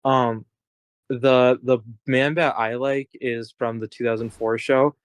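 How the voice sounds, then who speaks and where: A man's voice: mid-range voice, fairly even intonation, slow pace, smooth, no room sound. Rambling man with a dry, close sound. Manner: rambling, lots of restarts and swearing. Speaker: podcast co-host. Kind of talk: casual chat.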